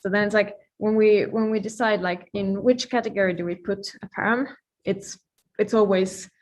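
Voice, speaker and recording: This Finnish woman, a native speaker from Finland, runs a casual live-coding lecture, musing out loud with playful asides and frequent mid-thought pauses. Her voice is mid-range and steady in tone.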